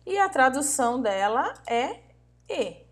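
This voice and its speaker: A woman teaching an online Spanish lesson, repeating words slowly and checking in often with her students. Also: high-pitched, very animated, fairly bright tone.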